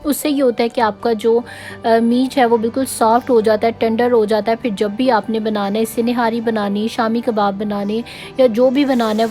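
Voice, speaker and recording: A woman's voice: on the high side, a little mellow. A young Pakistani woman narrating her own vlog in a chatty, casual way, with a Pakistani Urdu accent and English words mixed in. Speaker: vlogger.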